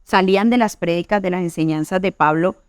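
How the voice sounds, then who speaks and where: A woman's voice: lowish voice, fairly quick, clear, resonant tone, no echo, clean studio sound. A woman from Colombia preaching to a youth meeting in an earnest way, acting out quoted churchgoers. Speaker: youth pastor.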